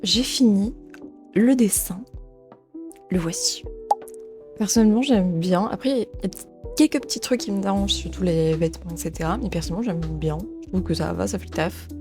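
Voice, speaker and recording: A woman giving casual commentary while gaming and drawing, chatty and excitable, often stammering and repeating words, into a desk mic at home. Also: mid-range voice, fairly quick, over music. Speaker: gaming and art YouTuber. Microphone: desk microphone.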